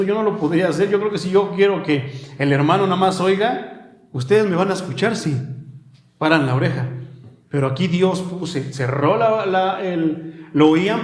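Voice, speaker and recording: A man preaching a sermon, calling listeners "my brother" and slowing down to read scripture. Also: sits high. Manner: addresses listeners as "mi hermano", slows for scripture. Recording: echoey room.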